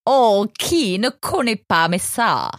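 A woman voicing a smooth-talking male shopkeeper in a storybook, salesy and playful, sprinkling in foreign words. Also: medium pitch, huge pitch swings, slow pace, no echo, clean studio sound, heavily acted. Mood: cheery salesman. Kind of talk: audiobook character voice.

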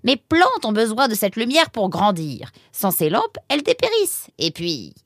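A fussy, excitable female creature who runs a watermill, always fretting and exclaiming, as a woman puts her on for a storybook. Her voice sits high and jumps wildly up and down, with a breathy edge. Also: normal speed, no room sound, clean studio sound, full character voice. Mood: fretful. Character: fussy excitable female animal, mill keeper. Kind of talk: storybook character voice.

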